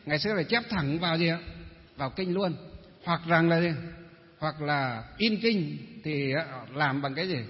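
A man's voice: fairly high pitch, normal speed. A male Buddhist monk with a Northern Vietnamese accent giving a dharma talk, posing rhetorical questions and answering them himself. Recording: reverberant hall, dull muffled sound.

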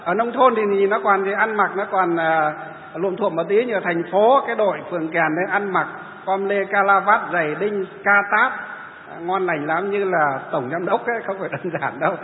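High-voiced man preaching in an echoey hall. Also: slight background noise. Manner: rhetorical questions to the audience, answered himself; mimics wailing funeral laments. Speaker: Buddhist preacher. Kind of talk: dharma talk sermon. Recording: echoey hall over a tinny line.

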